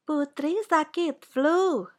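A woman voicing a kindly, firm woman doctor in a storybook reading, calm and instructing. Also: high voice, very slow, pitched above the performer's own voice.

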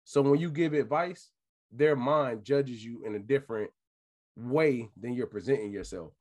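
A man's voice: mid-range voice, moderate pace, a little mellow. A man telling stories casually in slangy talk, constantly addressing his friends as bro. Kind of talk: casual conversational storytelling.

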